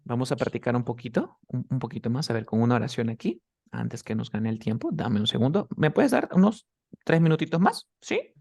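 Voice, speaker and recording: A man teaches pronunciation one on one at a middle pitch, firing quick quiz questions at his student. He models each example sentence slowly, again and again, to show the stress. The sound is close and dry, with no room echo. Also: animated, vocal fry, a little mellow. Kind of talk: one-on-one language lesson.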